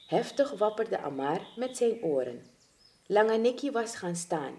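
A woman reads a children's story aloud. Her delivery is slow and expressive, and her pitch rises and falls widely as she dramatizes the tale. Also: vocal fry.

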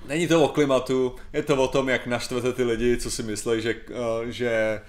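A man with a mid-pitched voice talks things through in a rambling, hesitant way. He leans on fillers and circles back as he chats casually. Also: flat delivery. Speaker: podcast co-host. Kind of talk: casual chat.

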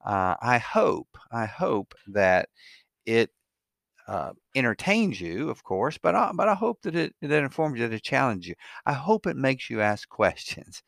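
A man's voice: medium pitch, very animated, unhurried, creaky, fairly bright tone, no room sound, clean studio sound. An older man hosting a podcast, introducing it casually in a reflective, conversational and slightly hesitant way. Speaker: podcast host.

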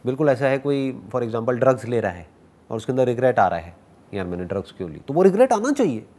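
This fast talker has a medium pitch and gives a motivational talk while answering questions from the audience. He's lively and teasing, weaving English phrases into his Hindi.

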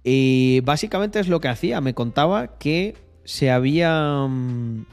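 A young man with a Spain Spanish accent talks loosely on a live stream, cracking jokes at his own expense. His voice sits at an ordinary middle pitch, and faint music plays behind him. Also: animated, a little slow, darkish tone. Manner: chatty, joking, laughs at himself. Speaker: streamer and podcast host. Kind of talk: casual live-stream chat.

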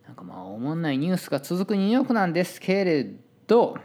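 Man, Kansai accent, casual storytelling, lively up-and-down pitch, chatty. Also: fast talker. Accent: Kansai Japanese. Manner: chatty, animated, acts out quoted voices.

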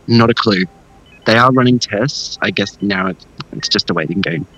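An actor playing an anxious, devoted, haunted man in an audio drama, earnest and worried, with a husky voice. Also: fairly low pitch, normal speed, pushed and bright, poor audio. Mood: subdued.

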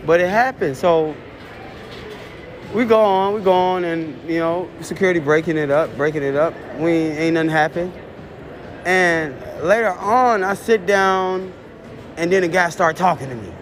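High-voiced man. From Chicago. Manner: profane, rambling storytelling. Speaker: show host. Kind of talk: casual monologue.

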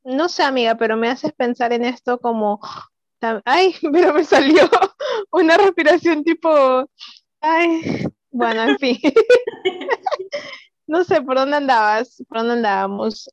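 A woman's voice: high-pitched, lively intonation, measured pace. A woman hosting a casual podcast chat, playful and joking with her guest.

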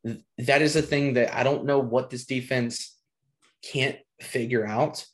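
A man's voice: medium pitch, fairly even intonation, a little slow. A man hosting a casual sports podcast, talking in a frustrated, rambling way with frequent restarts. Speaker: podcast host.

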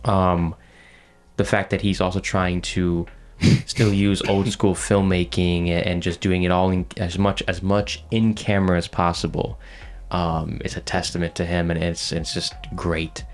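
A man's voice: sits low, flat delivery, a little slow. A man in a casual film chat, talking with enthusiasm and rambling through restarts.

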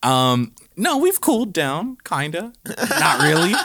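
A man's voice: on the high side, huge pitch swings, takes it slowly, gravelly, a bit bright, no echo, studio quality. A young man co-hosting a casual podcast, chatty and teasing, often giggling. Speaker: podcast co-host. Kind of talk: casual chat.

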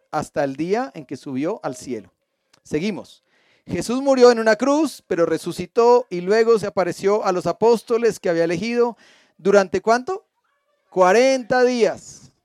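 A man's voice: sits high, darkish tone, no room sound. A man teaching a Bible study class. He reads the passage aloud, stops to explain it and often puts questions to his listeners, with playful asides. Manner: asks the audience frequent questions.

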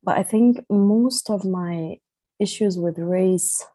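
A woman's voice: medium pitch, takes it slowly, mellow, no echo, poor audio. A young woman lecturer, raised between Egypt and Germany, answering interview questions thoughtfully and with frequent hesitations. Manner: thoughtful, hesitant, with many fillers. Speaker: university lecturer, guest. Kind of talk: conversational interview.

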